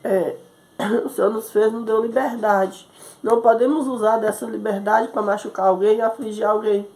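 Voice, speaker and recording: A woman's voice: on the high side, steady tone, moderate pace, gravelly, darkish tone. A woman missionary, telling a personal testimony as a sermon, acting out the voices of the people in her story and often adding "né?". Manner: storytelling, quoting others, frequent "né?". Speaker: missionary preacher.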